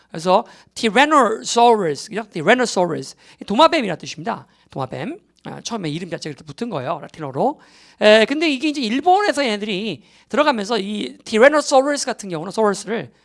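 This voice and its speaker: In a recorded exam-prep English lecture, a man with a high, fairly bright voice explains things step by step. He keeps checking that students are following and mixes English terms into his Korean.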